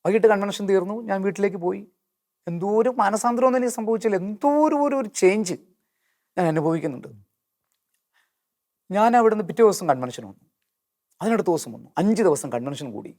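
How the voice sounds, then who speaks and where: A man's voice: high voice, expressive, a little mellow. Earnest man telling his story. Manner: earnest storytelling, slowing down when quoting hymn lines. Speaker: guest giving testimony.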